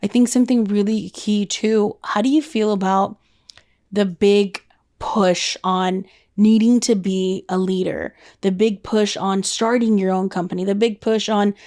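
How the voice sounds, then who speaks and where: A woman's voice: medium pitch, steady tone, a little slow, a little mellow. A woman hosting a podcast interview, chatty and affirming as she poses open questions to her guest. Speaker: podcast host. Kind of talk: casual interview conversation.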